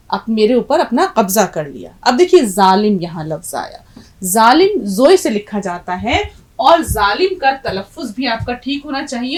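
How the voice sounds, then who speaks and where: A woman teaching an Urdu lesson, reciting a poem and slowly spelling out letters to her students. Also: medium pitch. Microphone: lesson video.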